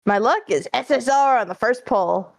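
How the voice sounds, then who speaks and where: A woman's voice: fairly high pitch, expressive, moderate pace, gravelly. A woman voicing a smug, worldly lawyer to the rich and infamous in a fan dub, wry and flippant. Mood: breezy, playful. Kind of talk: fan dub character acting.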